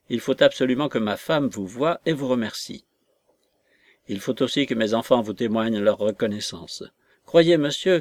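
A poor father bursting with gratitude, pleading and effusive, voiced by a man reading aloud. The voice sits at a middling pitch, recorded dry and close. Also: a little mellow, no echo, close to an everyday voice. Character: poor grateful man, overwhelmed and tearful.

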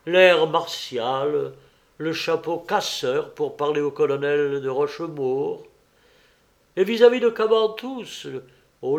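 A man narrating a novel as an audiobook, reading expressively and theatrically. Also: a little high.

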